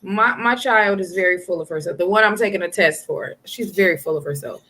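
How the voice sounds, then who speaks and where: A woman's voice: lowish voice, a little fast, sharp tone, low-quality recording. A woman co-hosting a casual chat show, a mother who talks bluntly and jokes directly with her viewers. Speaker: co-host.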